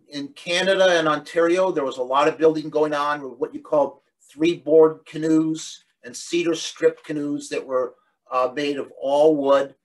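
A middle-aged man giving an illustrated talk over a video call from a room at home, explaining at a relaxed pace with many fillers and restarts. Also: on the high side, rough recording. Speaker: guest lecturer. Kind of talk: illustrated online presentation.

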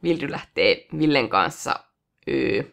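A woman hosting a let's play, chatting casually as she plays and talking to the game characters, with sudden excited high outbursts. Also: creaky.

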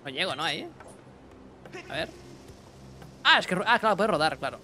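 A young man giving casual let's-play commentary, excitable, talking to himself and his chat with bursts of yelps. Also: high voice, moderate pace, a little hiss or hum. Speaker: gaming streamer.

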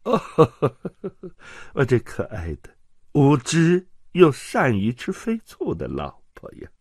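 A man's voice: mid-range voice, huge pitch swings, unhurried, a little mellow, slightly rough, no room sound, clean studio sound, voice pushed up, exaggerated voice. A man voicing a scheming nobleman who coaxes and soothes in a falsely tender way, in an audiobook. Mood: mocking. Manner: coaxing, silky, falsely tender. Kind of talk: audiobook character voice.

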